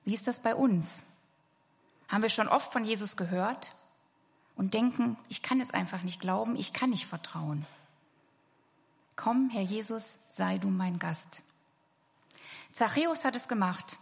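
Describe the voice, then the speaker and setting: A woman's voice: mid-range voice, lively intonation, normal speed. A woman preaching a sermon to her congregation, earnest and speaking to them directly. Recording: hall reverb.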